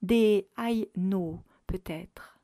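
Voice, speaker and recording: Woman doing a lazy wry guy on a barge, dry mutters, slow, close dry sound. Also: medium pitch, warm tone, dry recording. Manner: dry, ironic remarks, often muttered.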